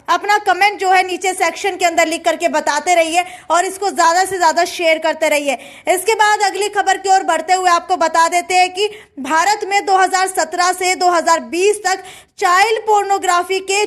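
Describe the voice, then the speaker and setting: A woman's voice: very high-pitched, fairly bright tone. A woman presenting a breaking news bulletin in semi-formal spoken delivery, leaning on repeated filler phrases.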